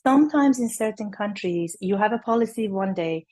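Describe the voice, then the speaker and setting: A woman with a hoarse, raspy voice from laryngitis gives an explanatory presentation as an invited speaker. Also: medium pitch, animated, normal speed, a little mellow. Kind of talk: presentation to an online conference.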